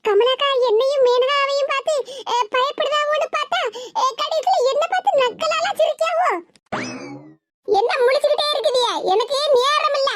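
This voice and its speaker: A woman's voice: extremely high pitch, moderate pace, heavy background noise. A woman voicing a whiny, indignant village gossip in a cartoon, with a Tirunelveli Tamil accent. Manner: whining, indignant.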